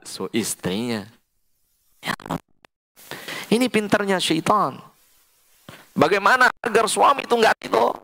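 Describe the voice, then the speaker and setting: A man preaching a mosque sermon to women, reciting Quranic verses slowly and explaining with sudden high emphatic calls, with an Indonesian accent. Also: wildly swooping pitch, vocal fry, bright, forceful tone. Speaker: Islamic preacher.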